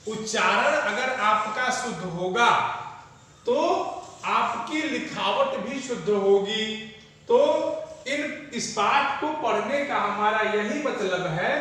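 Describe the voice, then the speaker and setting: A man teaches an online class. His voice is very high and bright, and he speaks slowly. He keeps asking his pupils questions again and again, and he sounds distant in an echoey room. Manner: patient, repeats questions to pupils, calls them son. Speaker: school Hindi teacher. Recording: echoey room, voice far from mic.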